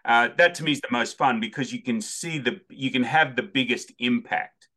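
A man's voice: mid-range voice, moderate pace, pushed and bright. A man hosting an interview, chatty and joking, asking playful questions. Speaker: podcast host. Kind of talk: casual interview conversation.

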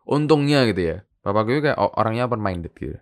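A young man, chatting casually as a podcast co-host and telling stories with lively, acted-out voices. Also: lowish voice, fast talker. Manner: animated storytelling, acts out people he quotes; relaxed, laughs often. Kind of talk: casual chat.

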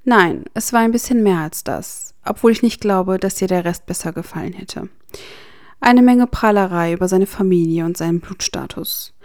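A woman's voice: mid-range voice, moderate pace, a little mellow, dry recording, studio quality, natural voice. A woman reading the lines of a spiteful, sneering teenage boy wizard in a German fan audiobook, with a mocking, smug delivery.

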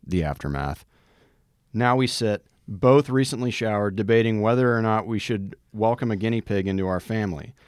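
A man co-hosting a podcast, reading a listener's story aloud with a wry tone and dramatic pauses before each section title. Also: lowish voice, clear, resonant tone, no room sound, studio quality. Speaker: podcast co-host.

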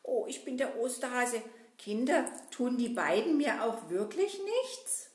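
A woman voicing a gentle, anxious Easter bunny in a children's puppet show, soft and plaintive. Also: a little high, sing-song, a little slow. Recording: roomy echo.

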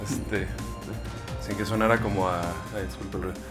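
A man hosting a casual political chat, quick and hesitant with many fillers. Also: on the low side, steady tone, over music. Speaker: political commentary host.

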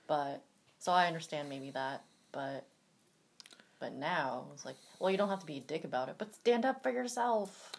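A woman's voice: sits low, lively intonation, moderate pace, gravelly, breathy edge. A woman in her thirties co-hosting a casual talk show, blunt and wry. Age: 30s. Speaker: podcast co-host.

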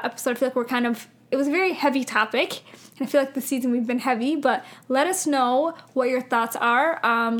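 A young woman hosting a casual podcast chat, animated and acting out voices when she quotes people. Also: sits high. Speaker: podcast host.

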